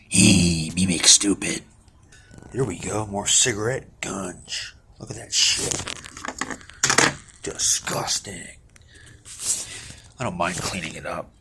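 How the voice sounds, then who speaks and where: A young man in his twenties talks in a deep, gravelly voice, tossing off mumbled asides and casual swears as he works. He is recorded on a camera mic in a backyard, with plenty of outdoor noise behind him. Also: sharp tone. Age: 20s. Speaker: vlogger. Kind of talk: casual rambling commentary while working. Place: outdoors in a backyard under a roof.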